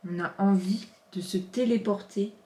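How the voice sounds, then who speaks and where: A woman's voice: mid-range voice, fairly even intonation, moderate pace, mellow, slight background noise. A woman in her thirties chatting casually as she unboxes parcels, gushing with many exclamations. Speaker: vlogger. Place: home office. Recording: roomy echo.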